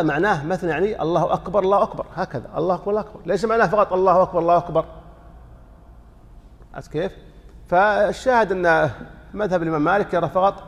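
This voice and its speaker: A man's voice: high voice, gravelly, big-room sound. A man teaching a religious lesson, explaining a text and quizzing listeners with rhetorical questions, sometimes chanting sample lines to demonstrate. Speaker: sheikh teaching a fiqh lesson.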